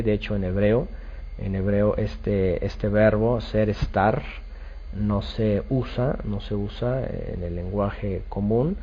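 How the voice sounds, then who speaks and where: A man's voice: on the low side, mellow, slightly rough, muffled recording. A man giving a bible study lecture, explaining step by step and often checking with "ok?" amid hesitant fillers. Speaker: bible teacher.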